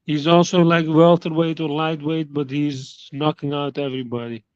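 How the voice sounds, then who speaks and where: Netherlands guy calling in, friendly and patient, slightly high voice, muffled dry line. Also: flat delivery, normal speed, dry recording. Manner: friendly, patient, rattles off boxing stats. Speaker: guest caller. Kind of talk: casual call-in chat. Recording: dry, dull lo-fi call audio.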